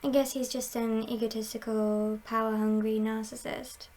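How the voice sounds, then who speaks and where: A woman playing a confident, scheming female heist boss in an ASMR role-play, speaking in a measured, playful and conspiratorial way with a creaky voice. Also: fairly high pitch, level tone, darkish tone, lightly acted. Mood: conspiratorial, knowing.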